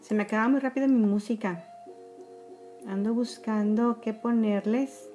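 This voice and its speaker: Faint music sits behind a slightly high, warm voice with a steady tone and a somewhat slow pace. She's a makeup vlogger in her forties with a Mexican accent, talking straight to viewers in a live tutorial from a small room; she's chatty, calls them girls and trails into whispers as she works on her makeup, recorded close up by a phone or webcam.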